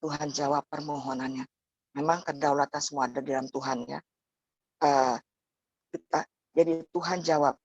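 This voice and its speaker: A woman with a lowish voice gives a sermon in a chatty, conversational manner. She keeps checking in with her listeners and addresses them directly. The sound is close and dry, with no room echo. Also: fairly even intonation, normal speed, pauses often, a little mellow, husky, dull audio. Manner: conversational preaching, tags phrases with "ya", addresses the congregation directly. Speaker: preacher.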